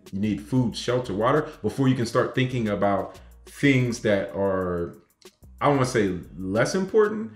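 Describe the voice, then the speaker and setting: Animated man, echoey room. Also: lowish voice. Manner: animated, excitable, often asks "right?". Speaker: vlogger. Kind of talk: casual design talk to camera. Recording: echoey room with faint music.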